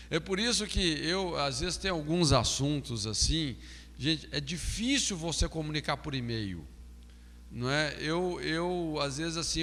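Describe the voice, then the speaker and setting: Lively gravelly pastor teaching. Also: male voice, high voice, in a large hall. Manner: frequent tag questions "não é?"; explanatory, stresses key words. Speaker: pastor teaching a counseling course. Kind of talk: recorded lecture.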